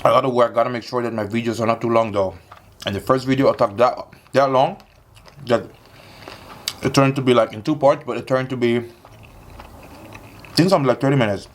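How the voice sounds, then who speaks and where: A man's voice: medium pitch, fairly even intonation, a little fast, long pauses, slight background noise. A man chatting casually to viewers as a mukbang host while eating crunchy fried chicken, slangy and repetitive, with satisfied hums. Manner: slangy, repeats phrases.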